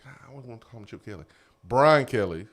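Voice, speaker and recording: A man hosting a casual sports talk show, animated and quick to laugh. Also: medium pitch. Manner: animated, laughing, drawn-out emphasis. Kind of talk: casual sports radio chat. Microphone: studio mic.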